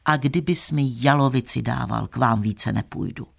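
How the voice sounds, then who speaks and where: A man voicing a fearless, stubborn village girl in a read-aloud story, speaking plainly and defiantly, a little higher than his narration. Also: vocal fry, a bit bright.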